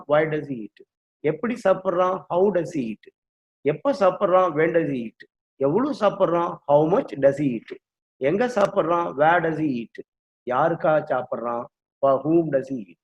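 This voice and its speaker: A man's voice: a little high, animated, slow. A man teaching English grammar, explaining patiently and drilling sentence patterns one by one. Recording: dull lo-fi recording.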